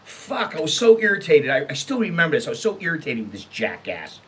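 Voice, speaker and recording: An American man with a fairly high, somewhat bright voice talks fast, his pitch swooping wildly. On his casual online storytime show he reads emails and reacts with emphatic, blunt exasperation, swearing freely.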